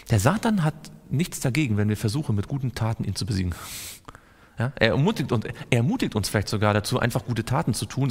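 Man leading group Bible study, very animated melody, quizzes listeners, long hall reverb. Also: medium pitch, slightly rough. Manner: quizzes listeners, repeats words for emphasis. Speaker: Bible teacher. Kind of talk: interactive Bible study talk.

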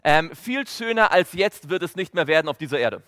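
Bright, high-voiced male interpreter in a reverberant hall. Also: very animated, fairly quick. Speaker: sermon interpreter. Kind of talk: consecutive interpreting of a sermon.

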